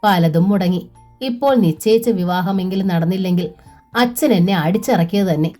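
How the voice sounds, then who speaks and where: A woman's voice: fairly low pitch, normal speed, mellow, faint music behind, natural voice. A woman voicing an earnest young man in love, speaking with pleading sincerity. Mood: worried.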